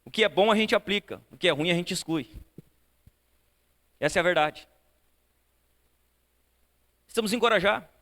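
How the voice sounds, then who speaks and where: High-voiced pastor guy telling a story in his sermon, keeps saying né and tal tal, church hall echo. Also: moderate pace, pauses often. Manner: animated storytelling, swinging between soft and loud; fills with repeated tags like "né" and "tal, tal". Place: church auditorium.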